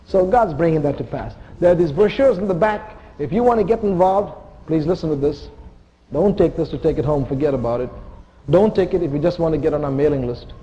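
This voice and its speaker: In the sanctuary of a church, an Indian man serving as a visiting missionary preacher addresses the congregation with earnest emphasis and the occasional joke. He speaks briskly and animatedly in a slightly high, dark-toned voice, captured on lo-fi sound.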